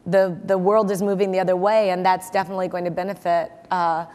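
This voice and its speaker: A woman's voice: lowish voice, little pitch movement, fast talker, darkish tone. A woman in her forties, an investor interviewed on stage, speaking confidently and repeating words for emphasis into a lapel mic. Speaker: investor and keynote guest. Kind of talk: onstage interview. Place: large conference hall stage. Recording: long hall reverb.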